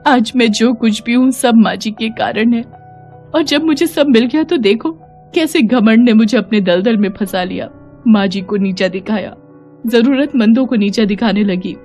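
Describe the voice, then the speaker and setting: A woman's voice: on the high side, normal speed, darkish tone, faint music behind, close to an everyday voice. A woman playing a proud young daughter-in-law. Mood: remorseful. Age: young adult.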